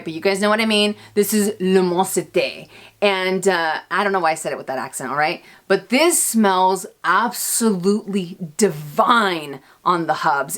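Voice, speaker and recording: A woman hosts a relaxed question-and-answer vlog in a slightly low voice. She talks in a chatty, self-mocking way, with playful asides to her viewers. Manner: chatty, self-deprecating, restarts and fillers, laughs often. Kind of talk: casual Q&A vlog.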